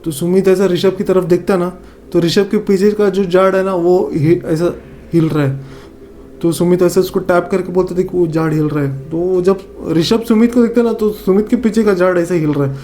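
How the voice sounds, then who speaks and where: Guy w northeast indian accent telling a scary story, kinda high voice, mellow tone, faint hiss behind. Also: moderate pace. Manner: animated, acts out friends' lines, many fillers and repeats. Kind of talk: casual spoken horror storytelling.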